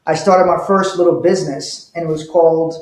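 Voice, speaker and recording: Telling stories as a guest in a relaxed interview, this middle-aged wealth manager from Liberia laughs from time to time. He speaks fairly quickly in a steady voice on the high side, and the recording has a roomy echo.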